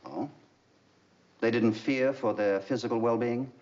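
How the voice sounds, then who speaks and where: An actor playing a methodical navy prosecutor, questioning witnesses in a measured, slightly hesitant way. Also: male voice, medium pitch, a little mellow, lightly acted. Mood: probing. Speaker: prosecuting lawyer. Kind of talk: 1970s TV courtroom drama. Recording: dull lo-fi TV soundtrack.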